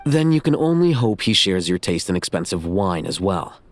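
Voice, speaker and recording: A dry, composed young man from a video game. His low voice stays measured and deadpan, with a sardonic edge. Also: soft background music. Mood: dry teasing.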